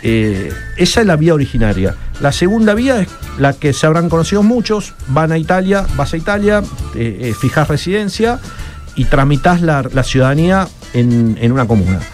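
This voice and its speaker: A man's voice: a little high, very animated, moderate pace, a little mellow, faint music behind. A man from Italy, a radio guest who explains citizenship matters with many restarts and repeated words. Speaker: guest advisor on Italian citizenship.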